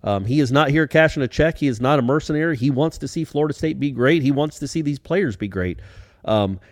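A man hosting a casual sports podcast, animated and rambling, with many restarts. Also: mid-range voice, a little fast, no echo, studio quality.

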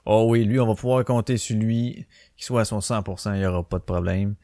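A man's voice: on the low side, brisk, warm tone, no echo, clean studio sound. A man with a Québécois French accent hosting a casual solo podcast, telling stories in a profane, ranting way. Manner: swearing, ranting storyteller who acts out quotes. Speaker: podcast host.

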